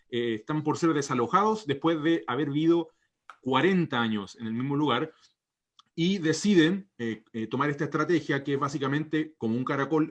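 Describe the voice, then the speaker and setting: A Chilean man with a slightly high voice hosts a casual panel chat over a video call. He hesitates often, filling pauses and restarting phrases as he goes. The delivery is relaxed and conversational. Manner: hesitant, many fillers and restarts. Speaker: host.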